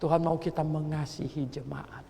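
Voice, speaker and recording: A man preaching a sermon in a church hall, sliding from low, confiding asides to loud, ringing exclamations and repeating key phrases to drive them home. His voice sits fairly high and has a gravelly edge. A long reverb trails behind every word. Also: level tone, moderate pace, a little hiss or hum. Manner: repeats phrases for emphasis and addresses the congregation directly. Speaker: pastor.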